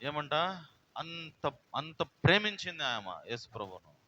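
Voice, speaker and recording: A male pastor preaches a sermon with feeling, moving between loud and soft and asking many rhetorical questions. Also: a little high, very animated, a little slow, a little hiss or hum, rough recording.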